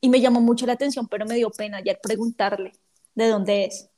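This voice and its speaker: A woman in a casual podcast chat, calmly explaining and firmly making her point. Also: fairly high pitch, brisk.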